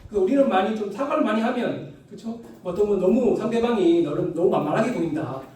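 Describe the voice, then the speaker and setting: A man from North Gyeongsang giving a sermon with humorous anecdotes, animated and constantly asking the congregation for agreement. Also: high-pitched, quick pace. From Yeongju, North Gyeongsang, Korea. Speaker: lay preacher. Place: church hall. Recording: echoey church hall, distant mic.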